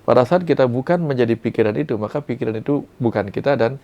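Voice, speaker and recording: A man giving a calm, reflective spiritual talk, sometimes acting out inner dialogues softly. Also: medium pitch, fast. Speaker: guest speaker.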